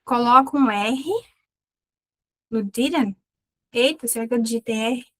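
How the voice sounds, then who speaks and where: A Brazilian woman with a high, bright-pitched voice teaches English in a playful, lively way. She slows right down to drill each word. The recording is close and dry, with no room sound. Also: no room sound. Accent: Brazilian Portuguese. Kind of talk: online class lesson.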